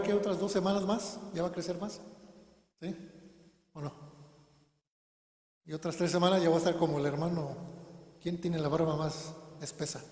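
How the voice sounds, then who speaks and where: A man preaching a sermon to his congregation, calling them "hermanos" and asking them questions. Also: high-pitched. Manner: varies loudness a lot, at times speaking very softly. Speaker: minister. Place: church hall. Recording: echoey hall with long reverb.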